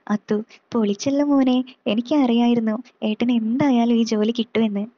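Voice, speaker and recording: A woman's voice: on the high side, fairly even intonation, normal speed, dry recording, dull audio, close to an everyday voice. A woman voicing a playful, sulky young girl who bickers with her mother and brother. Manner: pouty, playful. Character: playful teenage girl, sulky little sister.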